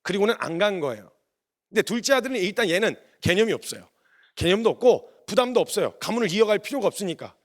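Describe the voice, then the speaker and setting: A man's voice: high-pitched, very animated, fast. A man missionary preaching a sermon, telling stories and acting out the dialogue, earnest and confessional.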